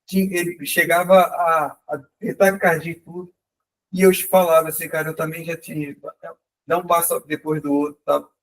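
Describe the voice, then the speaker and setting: A man's voice: a little high, little pitch movement, moderate pace, fairly bright tone. A man with a Brazilian accent shares a casual testimony at a church meeting, with lots of fillers. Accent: Brazilian Portuguese. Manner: casual, filler-heavy, says cara often. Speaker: church group member giving a testimony. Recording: voice from far off the mic.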